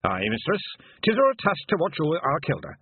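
A squeaky, earnest young Scottish pixie. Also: male voice, wildly swooping pitch, brisk, husky, no room sound, full character voice. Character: young eager male Feegle pixie, earnest and dutiful. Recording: tinny phone-like sound.

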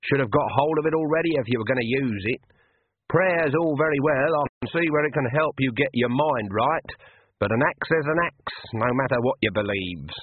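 A man's voice: medium pitch, moderate pace, breathy edge, dry recording, close to an everyday voice. Man putting on a blunt old witch. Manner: dry, blunt, practical. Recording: narrow phone-like sound.

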